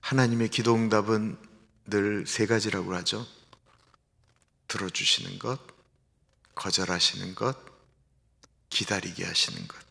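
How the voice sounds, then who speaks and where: A man's voice: fairly low pitch, steady tone, a little slow, vocal fry, long pauses, bright, forceful tone. A male pastor giving an early-morning sermon in a conversational way, asking the congregation rhetorical questions. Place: church sanctuary. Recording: livestream in a reverberant church hall.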